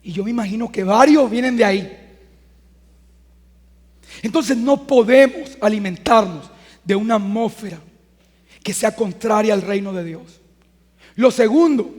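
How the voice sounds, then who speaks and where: A man in his thirties delivers a sermon with a strikingly high-pitched voice. He moves from a chatty, storytelling tone into loud, emphatic stretches. The sound rings with the long reverb of a big hall. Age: 30s. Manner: conversational preaching that swells into loud emphatic passages. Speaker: pastor.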